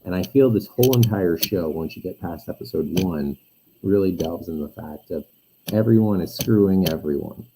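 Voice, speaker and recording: A man's voice: low-pitched, normal speed, noisy background. A man co-hosting a casual podcast over a remote line, his voice muffled as if through a wall, talking bluntly and swearing freely. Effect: muffled microphone, as if talking into a closet or through a wall. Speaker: podcast co-host. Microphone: remote call-in microphone.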